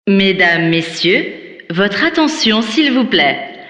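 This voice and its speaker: A woman playing an airport announcer, making a formal, measured announcement over a public-address loudspeaker. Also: mid-range voice, big pitch swings. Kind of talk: scripted exam listening recording. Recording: echoey, hall reverb, dull lo-fi.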